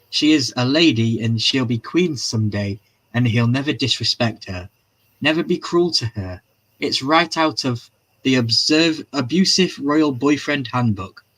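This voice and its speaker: A man in the middle of his pitch range hosts a casual live-stream, recapping an episode in loose, chatty fashion. He swears freely and breaks off to answer viewers' comments. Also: a bit bright. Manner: chatty and profane, reads chat aloud.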